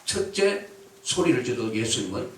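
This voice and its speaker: A man preaching a sermon as pastor, calling out to the congregation and shouting out his examples. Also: mid-range voice, sing-song, normal speed. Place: church or prayer house hall. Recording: echoey hall, voice from far off mic.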